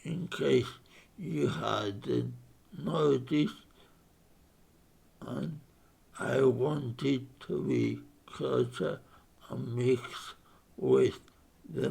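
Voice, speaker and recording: Man, 50s, speech impairment, very slow and gravelly, halting short phrases. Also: mid-range voice, darkish tone. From Spain. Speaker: board candidate. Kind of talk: self-introduction speech.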